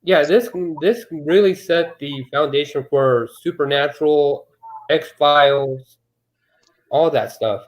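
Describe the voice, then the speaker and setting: A man's voice: fairly high pitch, slow pace, low-quality recording. A man hosting a movie watch-along stream, giving easygoing, brief answers. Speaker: host of the channel. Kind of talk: casual live-stream chat.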